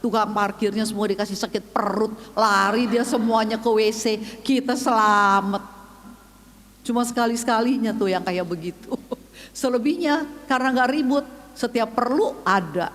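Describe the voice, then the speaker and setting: An older woman giving a testimony sermon, telling her story with lively voices for the people she quotes. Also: fairly high pitch, normal speed. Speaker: preacher. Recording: long hall reverb.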